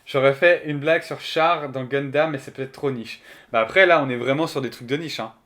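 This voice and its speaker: A man's voice: medium pitch, brisk, a bit bright. A man streaming live, chatting casually and joking as he thinks aloud and answers his chat.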